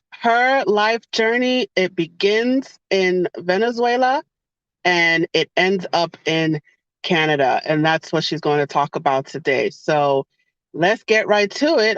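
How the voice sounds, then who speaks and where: Speaking from her car, this podcast host has a lowish, expressive voice and a slightly slow delivery as she casually chats and repeats herself through an intro and interview. The audio sounds muffled, with no room sound.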